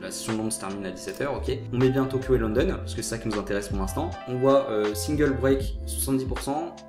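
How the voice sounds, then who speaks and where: Fast-talking man, roomy sound, faint guitar. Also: fairly low pitch. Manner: casual, addresses viewer as "tu", many "euh" hesitations. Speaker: trading channel host. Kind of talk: live trading walkthrough.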